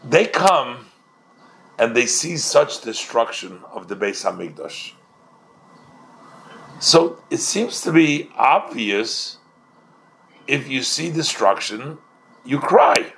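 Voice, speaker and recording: Slow gravelly man teaching a Talmud story. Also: mid-range voice, lively intonation, a bit bright. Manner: retells a story, then explains it, with many restarts. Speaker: Torah teacher.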